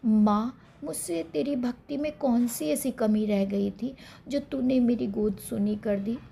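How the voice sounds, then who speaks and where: A woman's voice: fairly high pitch, measured pace, vocal fry, mellow, slight background noise. A woman voicing a devout old mother-in-law who pleads through tears in a spoken story. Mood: pleading. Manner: pleading, tearful.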